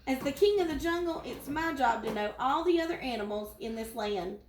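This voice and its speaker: A woman's voice: sits high, expressive, fairly quick, a little hiss or hum. A woman voicing a proud male lion, king of the jungle, who speaks in a grand, regal way. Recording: roomy echo.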